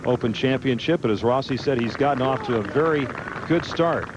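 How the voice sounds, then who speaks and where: A man's voice: mid-range voice, brisk, highs cut off, noisy background. A man giving live golf commentary for a television broadcast.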